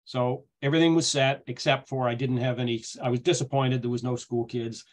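A middle-aged Canadian man giving a relaxed talk to a group. He rambles and often restarts his sentences, and his voice sits at an ordinary medium pitch. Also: fairly quick. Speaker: guest speaker. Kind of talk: casual storytelling talk.

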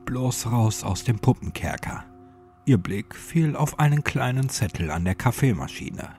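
A man narrating a scripted horror story with lively, expressive delivery. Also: mid-range voice, unhurried, slight background noise. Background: music.

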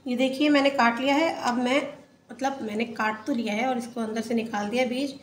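A woman's voice: a little high, fairly even intonation, fairly quick, roomy sound, a little hiss or hum. A woman hosting a cooking channel, chatting her way step by step through a home recipe. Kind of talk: casual recipe voice-over. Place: home kitchen.

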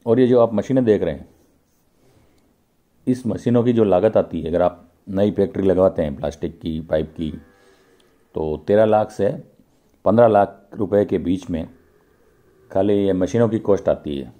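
Speaking at normal speed with frequent pauses, a channel host with a low, warm voice films a walkthrough of an indoor pipe-making workshop, explaining the work to viewers and addressing them directly.

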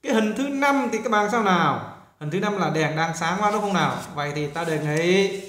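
A man teaching an English lesson, explaining slowly and repeating words to model their pronunciation. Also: sits high, expressive, fairly bright tone. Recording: echoey room.

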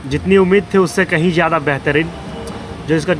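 A man's voice: a little high, a little fast. A young man with a Jharkhand Hindi accent, earnestly giving a casual review of a restaurant. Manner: earnest, recommending. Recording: background music.

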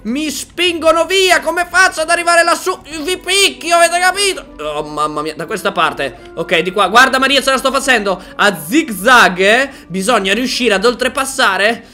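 A man commenting on his own gameplay in an excited, jokey way, yelping and shouting when he gets scared. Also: very high voice, normal speed, hardly any pauses, faint music behind. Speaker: gaming YouTuber.

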